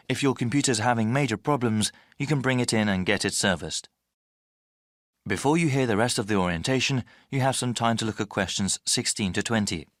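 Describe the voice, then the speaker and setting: A man's voice: on the low side, no room sound, clean studio sound. A man reading scripted instructional narration for a listening test.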